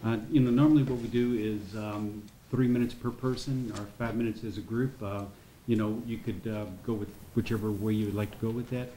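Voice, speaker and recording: A man's voice: lowish voice, fairly even intonation, fairly quick, dark tone, reverberant, a little hiss or hum, poor audio. A man chairing a village board meeting, speaking in a procedural way. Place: indoor village hall meeting room.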